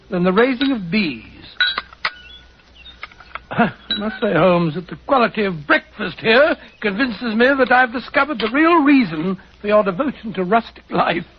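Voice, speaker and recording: An actor playing a genial elderly English doctor, courteous and chatty in old-fashioned 1940s radio style. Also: male voice, sits high, a little hiss or hum. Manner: chuckling, courteous, old-fashioned gentlemanly bluster. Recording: dull, muffled 1940s radio recording.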